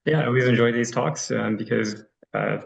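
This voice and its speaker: A man's voice: medium pitch, normal speed, gravelly, muffled recording, a little hiss or hum. A man giving a friendly, loose online presentation over a video call, as a reserve director, with frequent ums. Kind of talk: online presentation with screen sharing.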